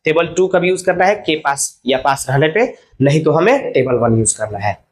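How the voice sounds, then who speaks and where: A man's voice: on the high side, lively intonation, normal speed. A man teaching a beginner grammar lesson, walking through examples step by step and often checking in with "okay?". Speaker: English teacher.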